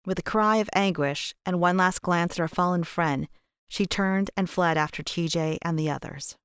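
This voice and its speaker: Clear low-voiced woman narrator. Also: steady tone, normal speed, no echo, studio quality. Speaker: audiobook narrator. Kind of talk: scripted narration.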